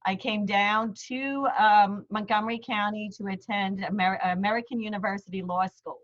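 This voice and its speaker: Speaking at normal speed with a steady, fairly bright tone, this Queens-born attorney in middle age explains legal terms one step at a time. Her New York accent comes through in a friendly, plain-talking seminar. It's conducted by video call, and the lo-fi sound is slightly dull.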